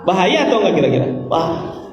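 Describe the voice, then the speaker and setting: A man preaching a sermon, asking his listeners questions and reciting Arabic slowly. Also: high-pitched, very animated. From Indonesia. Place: mosque or prayer hall. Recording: echoey hall from far off, faint music.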